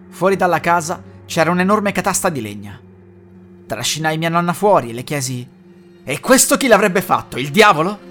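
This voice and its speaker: A man reading a first-person horror story as a scripted narration, slowing down and dropping low and hushed on the dark lines. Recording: music bed under the voice.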